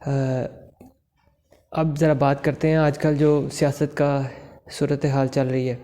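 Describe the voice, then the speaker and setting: A man hosting his own channel, giving political commentary in a measured, steady delivery. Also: on the high side. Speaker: YouTube channel host.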